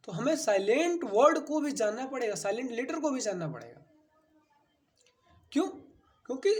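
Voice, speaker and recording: Casting: male teacher, lively rising and falling pitch, repeats words for drilling pupils. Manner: repeats key words, dramatic pitch swings. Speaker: English teacher. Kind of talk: classroom-style vocabulary lesson.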